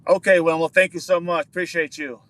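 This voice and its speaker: A man hosts a casual outdoor livestream, chatting with viewers and responding to their comments while often repeating words for emphasis. His voice is a little high, with a fairly bright tone, flat delivery, fairly quick pace and no echo.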